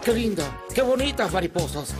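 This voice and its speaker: A man's voice: sits high, big pitch swings, quick pace, music in the background. A man voicing a dim-witted, dreamy male president caricature, musing in a naive sing-song.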